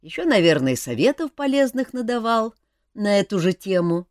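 A woman voicing a calm, knowing grown male leader who talks in a quietly ironic way. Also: mid-range voice, moderate pace, no room sound, studio quality, pitched above the performer's own voice, close to an everyday voice.

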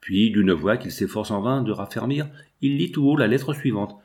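A man giving a scripted, measured literary narration of a classic novel as an audiobook reader. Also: lowish voice, a little mellow.

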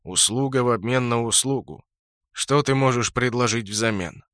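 A man voicing a calm, menacing male dark elf god who speaks slowly and coldly. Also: medium pitch, no echo, clean studio sound, natural voice. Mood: cold, commanding. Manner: slow, cold and commanding.

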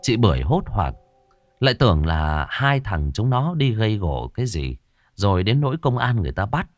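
A male storyteller narrating a ghost story in a tense, expressive way. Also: on the low side, moderate pace, no echo.

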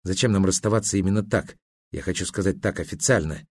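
A man's voice: low voice, quick pace, slightly rough, no room sound. A man reading the part of an agitated, selfish young male student who presses and pleads insistently. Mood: coaxing.

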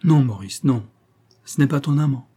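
A man's voice: mid-range voice, moderate pace, warm tone, breathy edge, close to an everyday voice. A man voicing an anguished young woman defending herself to her lover in an audiobook, in urgent, pleading sentences. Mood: defensive.

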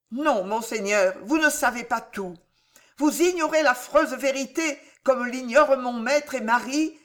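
A woman's voice: high voice, voice pushed up. A woman voicing a wronged young noblewoman in an audiobook, trembling yet dignified as her words grow more intense. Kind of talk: audiobook reading.

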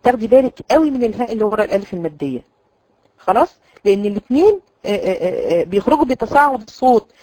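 A woman with an Egyptian Arabic accent teaching Quran recitation, explaining in a chatty way and slowly drawing out example words to demonstrate them. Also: a little high, lively intonation, mellow, dry recording, rough recording. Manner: addresses students directly, frequent "khalas?" checks. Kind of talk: recorded online lesson.

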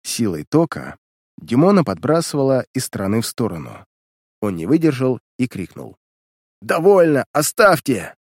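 A man's voice: medium pitch, big pitch swings, moderate pace, creaky, warm tone, husky, no room sound, studio quality. A man reading a pulp detective story aloud as an audiobook narrator, telling it with animation.

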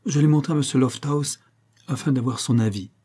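A man reading an audiobook, voicing a grave middle-aged coroner who speaks slowly, solemnly and formally. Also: medium pitch, dark tone, slightly rough, voice pushed up, natural voice.

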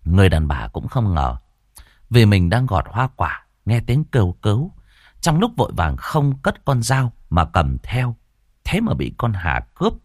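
Husky, lively storyteller. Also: male voice, lowish voice, unhurried, dry recording, studio quality. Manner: expressive, theatrical delivery. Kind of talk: dramatic horror story narration.

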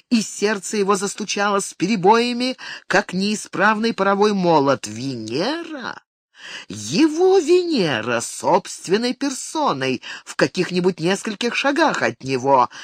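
Lively, expressive audiobook narrator. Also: medium pitch, no room sound, clean studio sound. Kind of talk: scripted narration.

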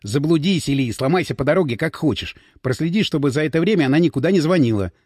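A man's voice: on the high side, animated, fast, darkish tone, no room sound, clean studio sound. A male narrator voicing a tough, demanding police detective in an audiobook. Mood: urgent. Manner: demanding, clipped. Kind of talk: audiobook character voice.

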